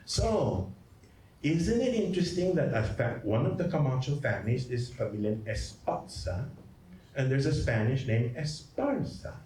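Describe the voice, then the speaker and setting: Joking priest lecturing in an echoey hall. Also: male voice, medium pitch, dark tone. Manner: jokey, digressive, checks in with "Okay?" and "right?". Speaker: priest giving a genealogy talk. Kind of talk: lecture presentation. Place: hall at a symposium. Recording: echoey hall, from far off, faint noise.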